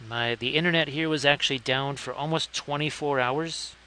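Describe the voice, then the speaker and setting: Bright-voiced man hosting a live stream. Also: on the high side, steady tone, moderate pace, a little hiss or hum. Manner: chatty, thanks viewers, wry asides. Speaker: live-stream host painting miniatures. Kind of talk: casual live-stream chat.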